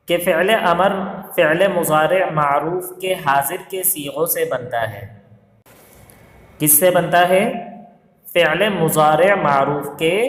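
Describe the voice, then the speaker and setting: Speaking to camera in a recorded video lesson, a man with a Pakistani Urdu accent teaches grammar, posing questions and answering them himself and slowing down to recite examples. His fairly high voice is bright and forceful, and a long reverb rings through the echoey room.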